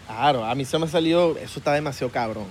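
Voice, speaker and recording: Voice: medium pitch, fast talker, a crowd in the background. A speaker with a Puerto Rican accent chatting on a podcast, agreeable and chiming in often. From Puerto Rico. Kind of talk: casual chat. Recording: loud hiss and clicks.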